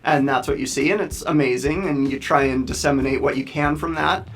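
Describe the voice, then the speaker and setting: A man's voice: medium pitch, brisk, fairly bright tone, slight background noise. A man, a photographer, talking eagerly and earnestly in an interview confessional.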